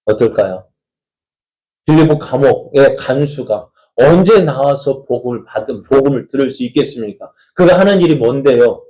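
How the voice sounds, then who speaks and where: A man preaching from the pulpit in a relaxed, talk-like way. He keeps putting questions to the congregation. His voice is mellow and warm, at an ordinary middle pitch. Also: low-quality recording. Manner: conversational preaching, asks the congregation many rhetorical questions. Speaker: pastor. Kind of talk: sermon.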